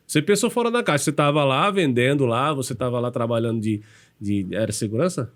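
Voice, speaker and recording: A man's voice: medium pitch, expressive, fast talker. A man with a Brazilian Portuguese accent co-hosting a motivational podcast, agreeing readily and building on others' points. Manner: affirming, chimes in with agreement. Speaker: podcast co-host. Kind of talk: casual motivational chat.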